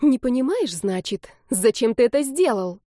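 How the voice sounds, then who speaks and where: Woman reading as a fuming young woman, high hissing voice, shrill jabs, mellow tone, dry audiobook recording. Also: big pitch swings, normal speed, no room sound. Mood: furious. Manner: hissed insults, shrill outbursts.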